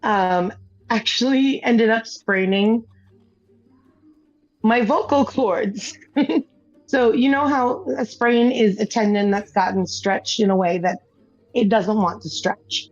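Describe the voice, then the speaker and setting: She speaks slowly, pausing often, in a medium-pitched voice while hosting a gaming stream and telling a meandering story. Laughter and restarted sentences come up frequently. The recording is dull, dry, and lo-fi, with soft music in the background.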